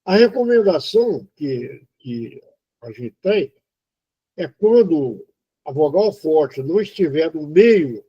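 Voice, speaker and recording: A man from Brazil giving an informal spoken lesson on poetry, halting and explanatory, with many fillers and restarts. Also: fairly high pitch, expressive, slightly rough. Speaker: poetry teacher. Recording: dull lo-fi recording.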